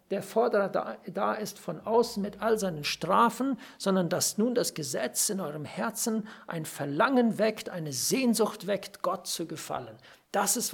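A preacher delivers an earnest sermon with a gravelly, husky voice. Key phrases are stressed by repetition, with pauses to search for words. The pitch sits in a middle range. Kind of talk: sermon on a Bible passage.

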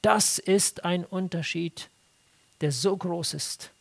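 A preacher giving an earnest, exhorting sermon, rising to raised emphatic stretches and sinking to hushed, low, intense passages, with phrases repeated for weight. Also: takes it slowly, vocal fry.

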